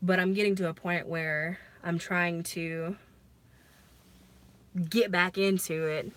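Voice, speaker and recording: An American woman chatting casually on a livestream in a halting, conversational way with some emphasis. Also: lowish voice, steady tone, fairly bright tone. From lives in Alabama, United States. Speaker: livestream host. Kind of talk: casual livestream chat about personal experiences.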